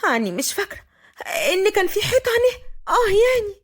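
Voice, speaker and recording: A woman voicing a feisty, sharp-tongued young woman in her twenties who talks back quickly and cheekily. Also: very high voice, big pitch swings, pitched above the performer's own voice. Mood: soft.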